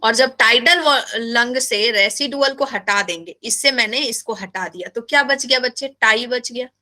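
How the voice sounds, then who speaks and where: A woman teaching biology in a live class, animated and playful, often asking her students questions. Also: a little high, moderate pace.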